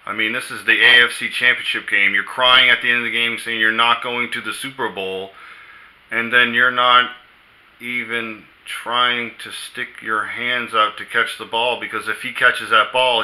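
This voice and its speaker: A man commenting on a football play in a casual vlog, emphatic and incredulous, slowly stressing his words. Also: mid-range voice, steady tone, bright, forceful tone, poor audio.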